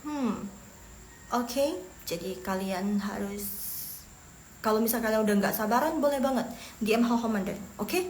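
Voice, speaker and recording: A woman from Medan teaching Mandarin in a casual live lesson, chatty and quick to laugh, talking to viewers as friends. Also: on the high side, darkish tone, roomy sound, slight background noise. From Medan, Indonesia. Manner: chatty, laughs often, talks to viewers as guys.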